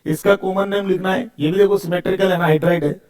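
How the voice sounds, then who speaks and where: A man's voice: high voice, fairly even intonation, fast talker, a little mellow. A man teaching chemistry, asking questions and answering them himself and repeating key words. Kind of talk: video lecture.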